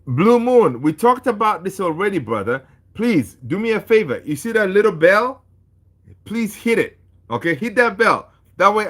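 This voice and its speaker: On his casual football livestream, a man from Tanzania chats in a relaxed, friendly way with viewers and reads out their comments. He speaks at a fairly high pitch with a slightly bright voice.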